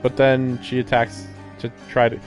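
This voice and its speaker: Here a man with a mid-range, monotone voice moves at a moderate pace as he reads a visual novel's text during a live stream. He mixes in casual comments and questions, and game music plays underneath.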